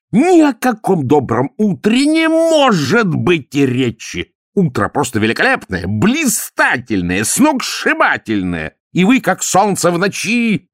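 A man voicing a bombastic, flattering male swindler who talks in a florid, excitable way in an audiobook. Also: medium pitch, no room sound, studio quality, voice pushed up. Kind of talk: audiobook character voice.

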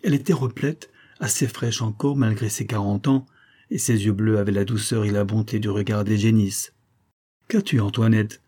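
Male audiobook narrator, mellow, steady storytelling pace. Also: lowish voice, moderate pace.

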